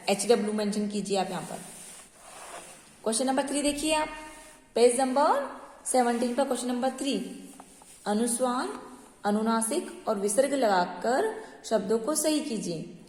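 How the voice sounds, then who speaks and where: A woman's voice: on the high side, a little mellow. A woman teaching a primary school Hindi class, patient and repeating words, asking checking questions. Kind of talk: online class lesson. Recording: echoey room with long reverb.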